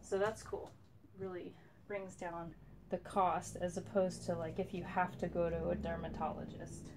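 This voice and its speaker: Low-pitched woman chatting casually, noisy recording. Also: little pitch movement. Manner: rambling, unhurried, trailing off between phrases. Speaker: soap maker, video host. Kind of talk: casual chit-chat over a soap-cutting demonstration. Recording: clearly noisy home recording.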